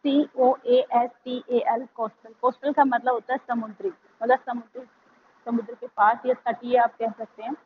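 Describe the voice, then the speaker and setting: Her voice is a little high with little pitch movement: an Indian-accented school teacher taking children through vocabulary. She spells out every word letter by letter, then slowly explains it, on a muffled lo-fi recording with faint background hiss.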